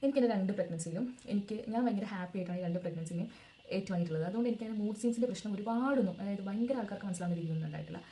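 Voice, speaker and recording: Young woman vlogging her own story, super fast, chatty and rambling, keeps circling back to add stuff. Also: medium pitch, dark tone. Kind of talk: casual personal storytelling.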